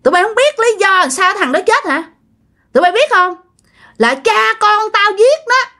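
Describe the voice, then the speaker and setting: A taunting ghost of a dead older man, bitter and jealous, as a woman storyteller puts him on. The voice is pushed high above her own and rises and falls widely. It comes out loud and menacing, like a spirit shouting through the living. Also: sing-song, moderate pace, exaggerated voice. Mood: gloating.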